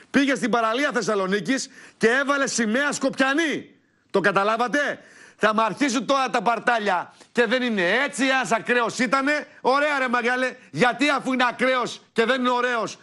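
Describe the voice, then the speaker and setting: A high-voiced man hosts his own TV show from a studio. He rants angrily and shouts at viewers, insulting his targets, then turns to pushing products for sale. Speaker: TV show host. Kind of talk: heated political talk and product pitch.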